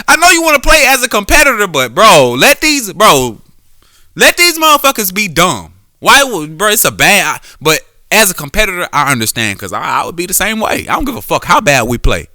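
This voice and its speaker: Man, podcast host, high lively voice, very bright and sharp, loose profane rambling. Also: normal speed, no echo, clean studio sound. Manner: animated, profane, frequent restarts and self-corrections. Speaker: former quarterback. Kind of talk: casual solo podcast monologue.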